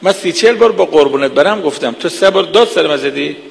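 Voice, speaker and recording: A man voicing a gentle old father who patiently recalls his son's childhood. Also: fairly high pitch, lively intonation, creaky. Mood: tender. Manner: tender, patient. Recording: long hall reverb.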